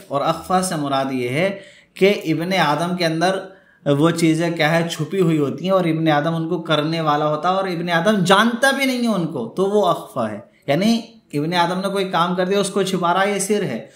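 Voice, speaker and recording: Man teaching scripture in an echoey room. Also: fairly high pitch. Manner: reads Arabic text then explains in Urdu, often checking "theek hai". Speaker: Quran commentary teacher. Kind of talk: classroom Quran exegesis lesson.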